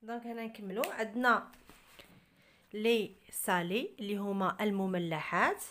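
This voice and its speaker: A woman with an Algerian accent tutoring a child at home, patiently repeating and spelling out words slowly. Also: medium pitch, a bit bright. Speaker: tutor reviewing a French textbook with a child. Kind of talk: home tutoring, French and Arabic mixed.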